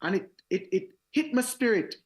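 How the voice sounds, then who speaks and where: In a radio interview, a reggae singer speaking with a Jamaican accent shares his story at normal speed. His voice is high and raspy, and his energetic delivery keeps circling back to repeat what he has just said.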